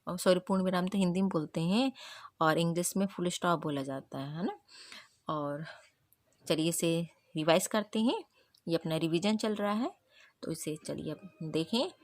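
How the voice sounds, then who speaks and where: A woman teacher leads a grammar revision lesson, putting questions to her class and then answering them herself. Her voice sits a little low and sounds close and dry, with no room echo. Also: moderate pace, a little mellow.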